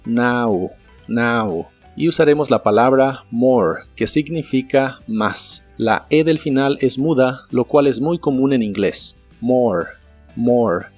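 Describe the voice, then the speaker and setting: A man narrating a scripted English lesson in Spanish, slowly modeling each English word's pronunciation. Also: medium pitch, a little mellow, slightly rough, faint music behind. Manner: slow, careful model pronunciation of English words. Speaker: English teacher.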